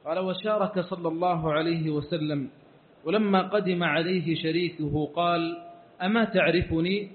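A man's voice: fairly high pitch, normal speed. A man reading a religious text aloud for his teacher in a formal, recitative way. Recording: distant, tinny phone-like recording with faint noise.

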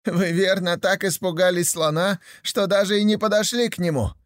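A man's voice: high-pitched, steady tone, dry recording, studio quality, pitched above the performer's own voice, close to an everyday voice. A man voicing a mocking, stubborn blind beggar in a fable, speaking emphatically. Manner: drawn-out emphatic.

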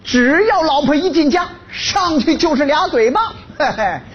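Comedic henpecked husband, lively and bragging, lo-fi sketch audio. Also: male voice, extremely high pitch, normal speed, slight background noise. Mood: blustering. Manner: blustering, then fawning and servile. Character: boastful henpecked laid-off husband. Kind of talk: stage comedy sketch acting.

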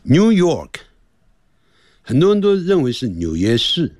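A man's voice: medium pitch, huge pitch swings, fairly quick, no room sound, studio quality. A man teaching a radio language lesson, patiently explaining and modeling example sentences. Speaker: English teacher.

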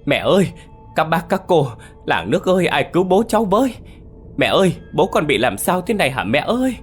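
Một người đàn ông đóng vai chàng trai hoảng loạn kêu cứu. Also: male voice, very animated, brisk, faint music behind. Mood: panicked wailing. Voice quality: shrill, wailing. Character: panicked young man crying for help.

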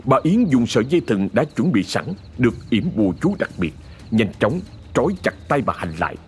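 A man narrating a horror story in a dramatic, expressive scripted reading. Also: mid-range voice, a little fast.

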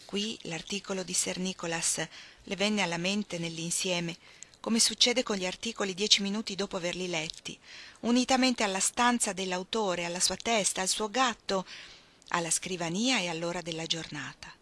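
A woman narrating a novel in a measured, expressive literary reading. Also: lowish voice. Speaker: reader.

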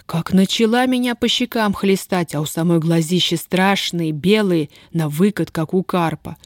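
Женщина играет испуганную молодую крестьянку, которая всхлипывает и умоляюще причитает. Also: female voice, fairly low pitch, normal speed, no echo, clean studio sound, close to an everyday voice. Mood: tearful. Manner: sobbing, pleading, folk speech. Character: frightened, tearful young peasant girl.

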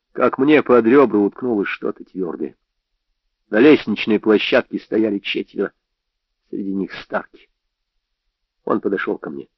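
Low-voiced man reading crime fiction. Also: no room sound. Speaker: audiobook reader. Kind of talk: first-person crime novel narration. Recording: dry, slightly dull audio.

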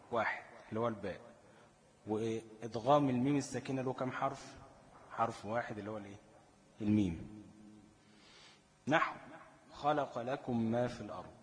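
A man with an Egyptian accent teaching Quran recitation rules, quizzing the listener and answering himself, chanting verse examples slowly. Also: fairly low pitch, big-room sound. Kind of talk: tajweed lesson in colloquial Egyptian Arabic.

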